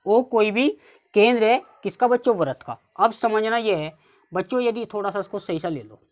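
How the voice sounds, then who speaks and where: A woman with a Hindi-speaking North Indian accent teaches a maths lesson step by step, slowly repeating each step. Her voice is medium-pitched and a little mellow, and she keeps calling her class "children".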